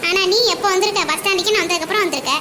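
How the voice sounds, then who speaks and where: Someone voices a bossy, sharp-tongued young college girl in cartoon style, scolding at a rapid-fire pace. The voice is very high and thin, and there's audible background noise in the recording.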